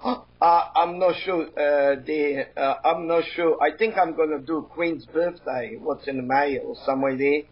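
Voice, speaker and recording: A man with a Slovenian accent, a guest ham radio operator, speaking in halting, broken phrases on a remote call. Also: on the high side, steady tone, slightly rough. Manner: halting, broken phrasing, keeps adding the host's name. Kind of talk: casual chat. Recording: muffled lo-fi remote line.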